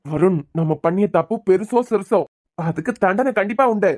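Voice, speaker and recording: A woman with a Kanyakumari Tamil accent voicing a guilt-ridden young father who pleads quietly in a cartoon. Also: mid-range voice, normal speed, pitched below the performer's own voice, close to an everyday voice. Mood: remorseful.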